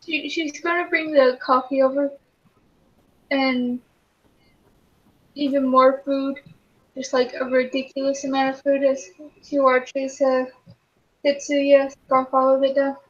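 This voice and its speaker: A woman chats her way through a tabletop game in a rambling manner. Her voice is high, and the audio is slightly dull. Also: level tone, unhurried, pauses often. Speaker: player.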